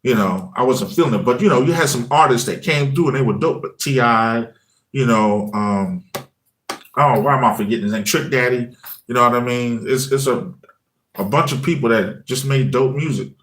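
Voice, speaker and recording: There's a little hiss or hum behind this medium-pitched man in his forties, who talks at normal speed. A one-time high school teacher who now makes a music channel, he recounts his story conversationally and loosely, dropping "you know what I mean" often and voicing his old lines in lively asides.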